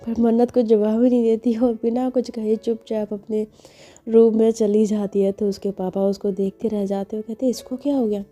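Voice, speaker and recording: A woman telling a story in a relaxed, chatty way, her voice dark and mellow. Her melody stays flat, and faint music plays underneath. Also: fairly high pitch, moderate pace. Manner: chatty, conversational, sprinkled with asides. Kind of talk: casual story narration.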